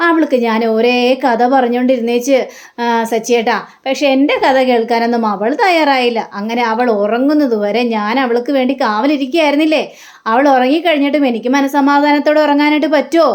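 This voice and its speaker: A woman's voice: high-pitched, fairly quick, lightly acted. A woman voicing a tired, patient young wife who speaks wearily. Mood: weary.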